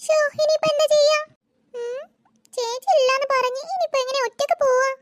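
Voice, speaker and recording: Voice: steady tone, a little fast. A performer voicing a cheeky, greedy little girl in a cartoon, whiny and wheedling. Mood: scheming. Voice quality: very high-pitched. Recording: loud background hiss.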